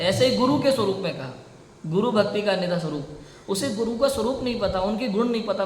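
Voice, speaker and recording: A man giving a scripture discourse as a teacher, earnest and argumentative, firing rhetorical questions at his listeners. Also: high-pitched. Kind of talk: sermon-style discourse. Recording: echoey hall with faint background noise.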